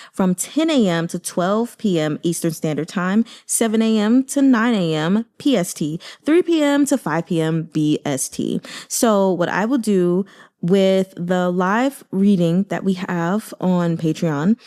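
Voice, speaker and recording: A woman with a fairly low, mellow voice chats casually as host of a reading channel, where she also narrates audiobooks. In reactions and announcements she's conversational and emphatic, saying plainly what she thinks.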